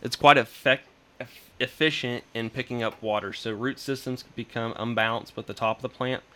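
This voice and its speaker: A man's voice: medium pitch, steady tone, normal speed, pushed and bright. A young man, an extension guest reading garden advice earnestly, stumbling over words and starting sentences with "so". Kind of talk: reading an informational segment.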